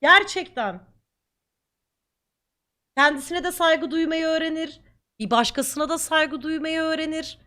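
A woman's voice: sits high, a little slow, pauses often, bright, forceful tone. A woman streamer reacting to comments in a blunt, defiant and talkative way.

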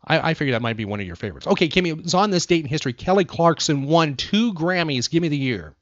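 An American man, a podcast host and trivia quizmaster, runs a casual trivia chat, posing questions and explaining facts in short phrases. His voice is a little high and fairly bright, with lively intonation and a fast pace. The recording is dry, slightly dull, and lo-fi.

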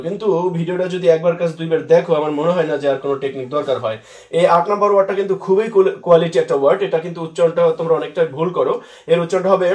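Slow-spelling man teaching in an echoey room. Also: sits high, a little mellow, far from the mic. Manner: patient, repeats and spells words out slowly. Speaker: English teacher. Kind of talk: spelling lesson for students.

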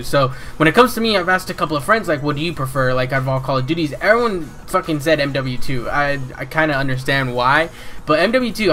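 A man doing casual gameplay commentary as a YouTuber, swearing heavily and breaking into angry shouts at the game. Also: medium pitch, a little hiss or hum. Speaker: gaming YouTuber.

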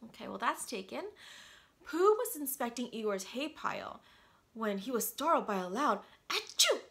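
In a quiet little room at home, a woman in her thirties reads a picture book to young children at normal speed. Her fairly high voice carries some vocal fry, and she stays lively, questioning the child directly as she goes.

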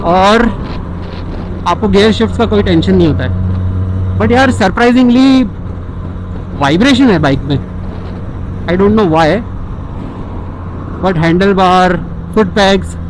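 A young man with a fairly high voice talks his way through a motorcycle ride, excited and chatty. He speaks slowly, mixing English into his sentences. Wind and traffic noise from his helmet-mounted action camera mic sit clearly underneath. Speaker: motovlogger. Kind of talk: casual riding commentary. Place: outdoors on a moving motorcycle on city roads. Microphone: action camera with external mic on a helmet. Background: engine, wind and traffic.

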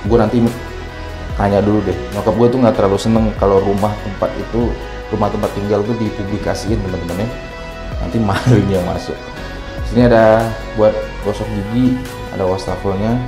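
A man's voice: on the low side, fairly even intonation, fairly quick. A tired man vlogging casually in a bare room with a strong echo, chatting to his viewers as friends. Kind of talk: casual vlog chat, room tour. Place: bare, echoey new rented house, indoors. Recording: echoey bare room, faint music.

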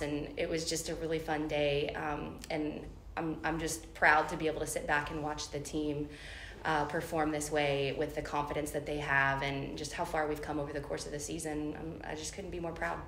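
A middle-aged woman, a head coach, speaking earnestly at a postgame press conference with frequent ums. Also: deep voice. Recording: echoey room, faint noise.

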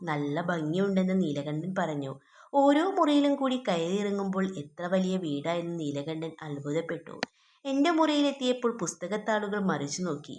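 A woman's voice: on the low side, a little mellow. A woman teacher reading a textbook story aloud and explaining it to students, often asking them questions. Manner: addresses students directly with questions.

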